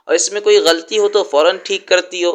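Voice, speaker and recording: A man's voice: sits high, steady tone, natural voice. A man voicing a strict aunt who keeps correcting her niece's pronunciation, stretching out sounds to stress them. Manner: stern, corrective, drawn-out emphasis on sounds.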